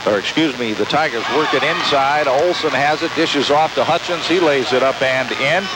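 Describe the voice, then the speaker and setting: On a noisy, hissy amateur tape of a radio broadcast, a man with a mid-range voice calls live basketball at a moderate pace. Speaking from courtside in a big sports dome, he delivers the play-by-play in clipped, descriptive bursts.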